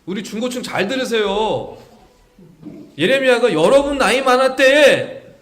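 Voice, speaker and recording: A male pastor delivers a Sunday sermon with a high voice that swoops over a wide range. He preaches in an animated way, asking his congregation questions, and his voice rings through a roomy church hall. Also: a little slow, faint music behind. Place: church sanctuary.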